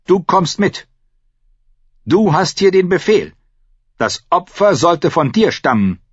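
An unforgiving zealot priest whose voice rises hard and commanding, demanding blood for his god. The pitch climbs high above a husky base, recorded dry and dull for an audiobook. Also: sing-song, slow pace, dry recording, exaggerated voice. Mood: zealous stern. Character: fanatical stern male priest, unforgiving uncle.

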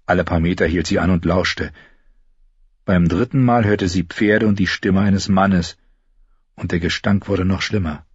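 A male audiobook narrator with a low, husky voice who tells the story at a steady, measured pace. The recording is close and dry, with a somewhat dull, lo-fi sound. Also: no room sound.

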